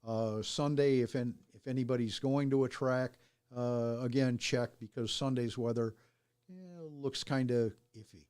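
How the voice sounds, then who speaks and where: A man with a mid-range voice co-hosts a racing show and gives the weekend weather. He speaks in a relaxed, plainspoken way. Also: mid-range voice, a little slow, clean tone. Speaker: co-host giving the weather. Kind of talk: casual talk-show banter.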